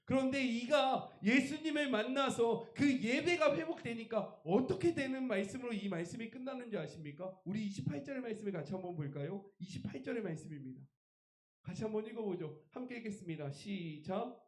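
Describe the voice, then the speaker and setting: Speaking as a pastor at a Korean church revival, a man preaches emphatically and throws rhetorical questions to the congregation. His very high-pitched voice is animated and brisk, echoing reverberantly.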